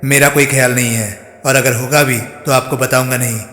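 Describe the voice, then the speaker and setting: A man's voice: medium pitch, fairly even intonation, normal speed, sharp tone, roomy sound, long reverb tail, close to an everyday voice. A man reading as a stern questioning inspector. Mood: probing. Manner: firm, pointed questioning. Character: stern persistent male police inspector.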